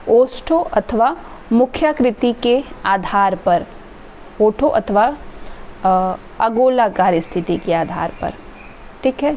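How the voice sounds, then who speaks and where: A woman's voice: on the high side, dark tone. A woman teaching an exam-prep grammar lesson, explaining step by step and drawing out sample sounds. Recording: dull lo-fi recording with faint noise.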